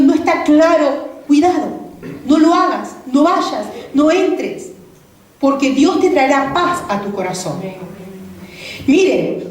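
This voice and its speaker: A woman pastor delivers a sermon in a high voice, piling up repeated phrases and rhetorical questions. She sounds distant from the mic, and her voice rings around a very echoey church hall. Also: a little mellow. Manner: repetitive, rhetorical questions to the congregation.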